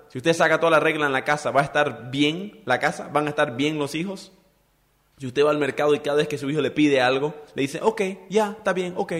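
A man's voice: fairly high pitch, a bit bright. Preaching man with hall reverb. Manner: dramatic preaching, rhetorical questions, acts out quotes. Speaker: pastor. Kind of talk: sermon.

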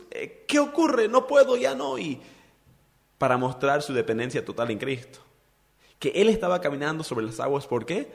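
A man's voice: on the high side, big-room sound. A man preaching a sermon, asking the congregation rhetorical questions and acting out quoted voices. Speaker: pastor.

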